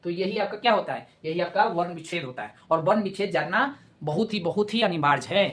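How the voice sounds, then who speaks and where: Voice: mid-range voice, animated, fairly quick, fairly bright tone, echoey room. A teacher giving an online grammar lesson, explaining step by step, asking rhetorical questions and answering them, and repeating key terms.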